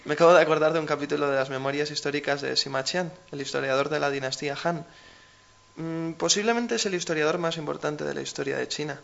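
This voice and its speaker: On a lo-fi recording, a fast-talking language teacher co-host with a Spain Spanish accent explains patiently using everyday examples. His voice is fairly high, gravelly and a bit bright.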